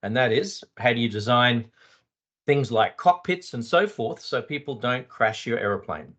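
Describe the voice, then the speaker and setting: A man's voice: mid-range voice, lively intonation, moderate pace, a bit bright. A man with a broad Australian accent introducing himself as a panelist in an explanatory, conversational way. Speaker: panelist, organizational psychologist. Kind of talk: conversational self-introduction at an online roundtable. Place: online video meeting. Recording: slightly dull online call audio.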